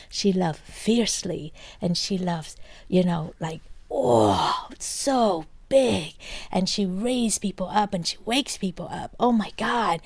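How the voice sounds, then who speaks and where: Warm gravelly woman coaching earnestly. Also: lowish voice, no echo. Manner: drops to a whisper for inner thoughts. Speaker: guest coach.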